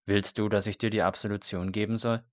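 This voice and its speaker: A man's voice: lowish voice, little pitch movement, fairly quick, dry recording, clean studio sound, close to an everyday voice. A man voicing a fervent male priest who urges a condemned prisoner toward faith with earnest intensity.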